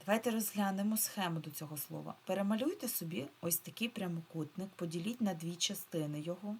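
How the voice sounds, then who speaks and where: A woman teacher giving a remote reading lesson to first graders, patiently repeating key words and stretching them out slowly, syllable by syllable. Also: lowish voice, a little mellow, slightly rough. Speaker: primary school teacher.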